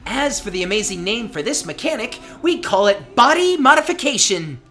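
A woman's voice: medium pitch, lively intonation, brisk, fairly bright tone, soft background music. A woman playing a gleeful young angel girl in a video game, drawing out her words with theatrical villain menace.

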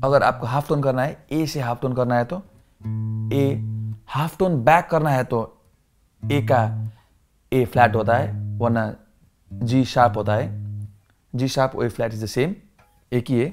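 A man's voice: mid-range voice, a little slow, pauses often. A man teaching a beginner guitar lesson, switching between Hindi and English, often repeating and correcting himself. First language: not Hindi. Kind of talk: casual lesson explanation.

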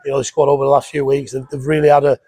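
A man, a football manager giving an animated post-match interview on a headset mic in a stadium press box. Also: medium pitch, rapid-fire, breathy edge, dry recording. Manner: animated, repeats words when fired up.

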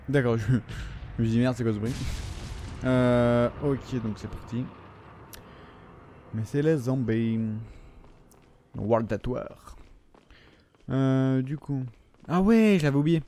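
A man's voice: mid-range voice, warm tone. A young man with a French accent commentating his own gameplay, joking, swearing and talking to the viewers and to the game characters. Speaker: gaming commentator. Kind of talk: let's play commentary.

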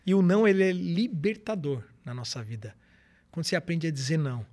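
Male speaker, high voice, animated storyteller. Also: fairly quick. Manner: animated storytelling, acts out quoted dialogue. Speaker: guest speaker. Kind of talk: podcast interview.

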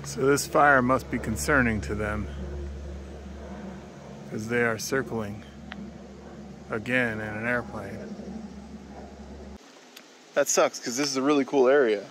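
A travel vlogger in his thirties talks through his camping trip at a forest campsite, speaking casually and matter-of-factly with hesitant pauses. His voice sits at a medium pitch. He films on a handheld phone at arm's length, and soft outdoor noise lingers in the background.

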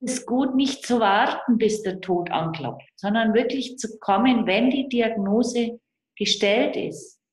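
An older woman, appearing as a guest end-of-life and grief counsellor, talks personally over a video call from a small indoor room. Her voice is fairly high and her pace measured, and the computer mic gives a roomy video call sound.

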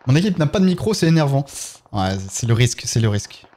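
A man's voice: mid-range voice, big pitch swings, quick pace, warm tone. A man with a French accent, chatting casually on a live game stream and thanking viewers one by one as he plays.

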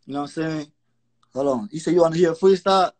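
A man from Florida calls in over video and talks up his music in a boastful, rambling way, full of repeated fillers. His voice sits a bit higher than most men's, coming through the call line. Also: fast, a little mellow. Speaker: aspiring rapper caller. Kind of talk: casual video-call chat.

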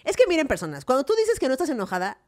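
A woman's voice: sits high, huge pitch swings, rapid-fire. A woman with a Mexican accent co-hosting a podcast in casual chat, laughing often and acting out quoted lines. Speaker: podcast co-host.

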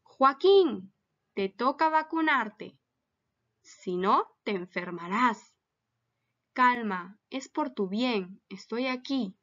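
A woman voicing a mother who gently reassures her son. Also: a little high, expressive, slow, muffled recording, heavily acted. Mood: soothing. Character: calm, soothing mother comforting her son.

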